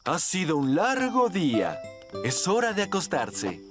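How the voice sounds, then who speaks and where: A man's voice: high voice, wildly swooping pitch, measured pace, over music, exaggerated voice. A man reading scripted narration for a children's cartoon.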